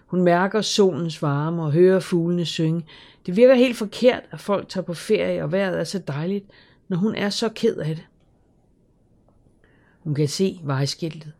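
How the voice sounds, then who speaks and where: An audiobook narrator reading a children's novel in a measured, storytelling manner. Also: medium pitch, darkish tone.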